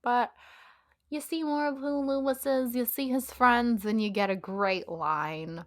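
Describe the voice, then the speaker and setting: A woman's voice: on the high side, a little slow, no room sound. Young woman podcast cohost rambling about an old show, laughy, dry close mic. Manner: chatty, laughs often, trails off with ums. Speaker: podcast co-host. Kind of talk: casual chat.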